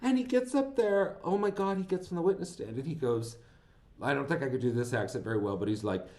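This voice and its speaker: A man co-hosting a casual film podcast, his voice sitting at an ordinary middle pitch. He rambles through plot retellings, restarting his sentences and breaking into laughter at the absurd parts. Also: a little fast. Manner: rambling, animated, laughs while retelling scenes. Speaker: podcast co-host.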